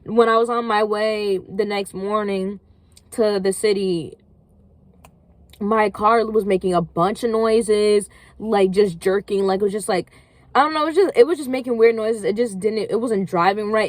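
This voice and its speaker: A young woman vlogger gives a casual motivational talk in a mid-range voice at normal speed, with no room sound. She rambles encouragingly and says "like" constantly.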